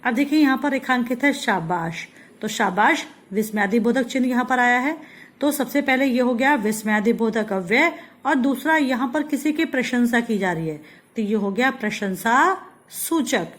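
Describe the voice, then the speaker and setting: A woman from India teaching a Hindi grammar lesson, patiently explaining step by step and reading example sentences slowly. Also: on the high side, lively intonation, fairly bright tone.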